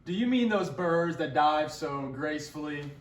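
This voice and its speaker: Woman as Tacky, loud oddball penguin, echoey. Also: low-pitched, animated. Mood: innocent questioning. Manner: loud, blaring, drawn-out. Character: odd, loud, hearty, cheerfully oblivious male penguin. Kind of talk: children's readers' theater. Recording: echoey room, distant, faint noise.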